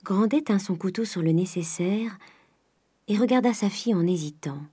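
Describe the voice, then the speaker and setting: A woman reading a classic novel aloud as an audiobook narrator, in a measured, even way, close to the mic. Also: mid-range voice, breathy edge, no echo.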